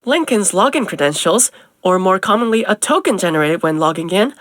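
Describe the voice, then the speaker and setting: A woman's voice: mid-range voice, sing-song, brisk, slight background noise, natural voice. A woman voicing a sarcastic, easily exasperated young trivia host in a video game, delivering questions with a teasing edge. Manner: snarky, teasing quiz-show delivery. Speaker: quiz host. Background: game music.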